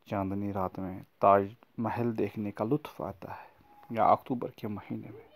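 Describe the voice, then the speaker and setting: A man's voice: fairly low pitch, fairly even intonation. Patient man teaching young pupils. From Kashmir. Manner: patient, explains words slowly and repeats them for children. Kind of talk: recorded lesson for schoolchildren.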